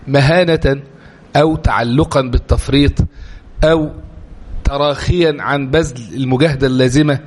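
A man with an Egyptian Arabic accent lecturing to a live class, animated and full of rhetorical questions. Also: a little high, breathy edge. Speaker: religious lecturer.

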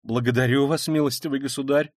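Male reader playing a haughty consumptive noblewoman on the edge of hysteria; pitched well up, shrill, in a dry audiobook read. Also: fast talker, no room sound, lightly acted. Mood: frantic. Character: feverish consumptive impoverished noblewoman, proud and hysterical.

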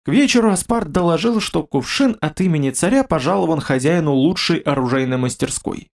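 Male narrator for a fantasy audiobook, steady and expressive, pitch a touch high. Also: a little fast, gravelly.

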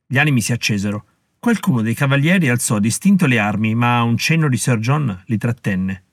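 A man narrating an audiobook in a measured, even reading. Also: medium pitch, no room sound, studio quality.

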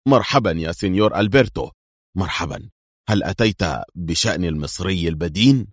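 A man's voice: lowish voice, expressive, brisk, no room sound, clean studio sound, lightly acted. A man voicing a jovial, corrupt male police chief with a hearty, mock-serious way of talking.

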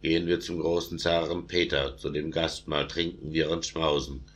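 Storybook braggart nobleman, drunk and brash, read by a man in a very low, even voice. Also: moderate pace, husky, heavily acted. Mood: boastful. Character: boastful drunken male Russian nobleman.

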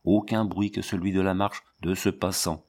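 A man reading a novel aloud in measured, steady audiobook narration. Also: deep voice. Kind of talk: scripted literary narration.

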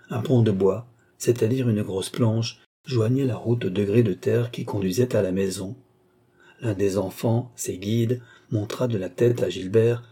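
A man reading a classic novel aloud as an audiobook narrator, in a measured, steady manner. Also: fairly low pitch, breathy edge. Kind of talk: scripted narration.

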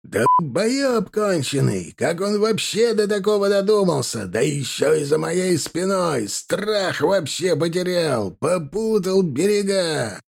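A furious aging crime boss, put on by a male narrator in an audiobook, cursing in a gravelly, raspy voice. He drawls his words out slowly and heavily. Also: sits high, very animated, pitched above the performer's own voice, heavily acted. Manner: shouting curses, gravelly and raspy.

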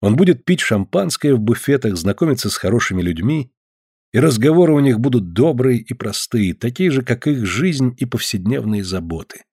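Husky, expressive male audiobook narrator. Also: mid-range voice, normal speed, dry recording, studio quality. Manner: expressive reading, voices each character. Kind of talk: audiobook narration of a crime story.

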